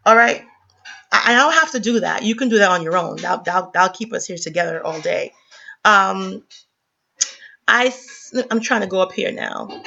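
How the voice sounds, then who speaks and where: A woman's voice: fairly high pitch, creaky, fairly bright tone. A woman from the Caribbean giving heated opinion commentary in a vlog, lecturing her viewers with many fillers and restarts. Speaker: commentary vlogger. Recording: dull lo-fi sound.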